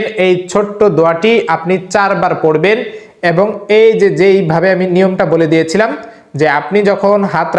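A male preacher, giving earnest, repetitive religious instruction and slowly demonstrating a remedy. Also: high-pitched, reverberant. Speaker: Islamic preacher.

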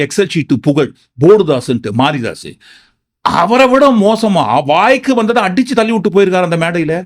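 A man's voice: a little high, a little mellow. A man giving political commentary, sarcastic and firing off rhetorical questions.

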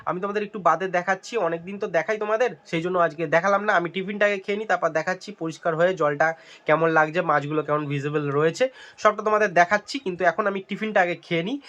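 A young man hosts a casual daily vlog, talking straight to his viewers. His voice sits high and bright, and he rattles along quickly, bubbling with excitement. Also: no room sound. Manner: excited, chatty, addresses viewers directly. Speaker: vlogger. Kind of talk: casual vlog chat to camera.

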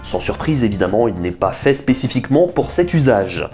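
This science video host, a man in his thirties, has a sing-song, medium-pitched, darkish voice and speaks at a moderate pace, with faint music in the background. Seated in a small indoor room, he explains and runs a chemistry experiment at his desk, teaching in an eager, friendly way.

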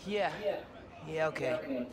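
A man's voice: a little high, animated, drawn-out words, very noisy. An actor playing an earnest, modest young male superhero in a video game cutscene. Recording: roomy game audio, loud crowd.

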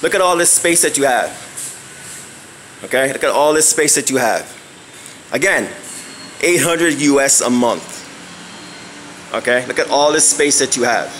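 A man's voice: mid-range voice, lively intonation, unhurried, long pauses, fairly bright tone, slight background noise, rough recording. A man giving a casual walking house tour on a handheld phone camera, rambling and searching for words with many fillers. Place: empty house, indoors and on balconies.

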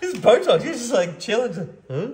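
A man's voice: extremely high pitch, sing-song, a little fast, a crowd in the background. A young man, hosting a prank video, narrating and teasing with frequent laughter. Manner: teasing, laughs often, mocking. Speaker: prank channel host. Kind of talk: playful narration and banter. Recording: echoey room.

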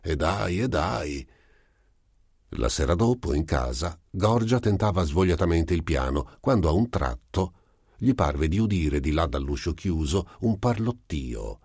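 A man reading a short story aloud as an amateur audiobook narrator, in a steady, measured way. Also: low-pitched, breathy edge, no room sound, studio quality. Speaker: audiobook reader.

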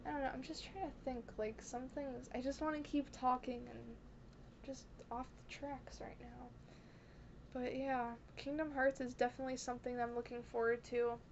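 A young woman vlogging in casual, rambling chat, gushing and excitable, often apologizing for getting carried away. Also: high voice, moderate pace. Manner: excitable, gushing, heavy on "like" and "oh my god"; self-conscious, apologetic asides. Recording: dull lo-fi audio with faint hiss.

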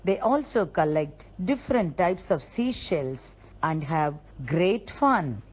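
A woman narrating a scripted lesson for young children, explaining slowly and simply and asking them questions. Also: on the low side, big pitch swings, poor audio. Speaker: kindergarten teacher.

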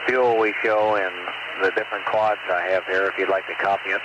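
A man's voice: fairly low pitch, little pitch movement, brisk, highs cut off. An American man working as capsule communicator, making plain, clipped procedural radio calls. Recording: 1960s mission radio, heavy noise.

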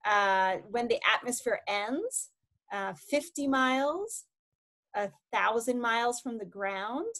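A woman's voice: fairly high pitch, animated, takes it slowly, a bit bright. A woman moderating an online science session, upbeat and chatty as she reads out audience answers. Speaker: moderator of a teen science café. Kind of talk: casual moderating on a video call. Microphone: video call.

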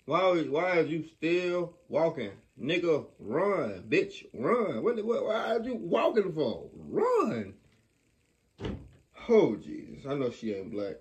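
Young man, 20s, casual reaction commentary, profane, animated, higher voice, close mic in a small room. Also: slow pace, lo-fi sound. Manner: animated, profane outbursts, talking back to the story. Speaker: reaction video host. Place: small indoor room before a dark backdrop.

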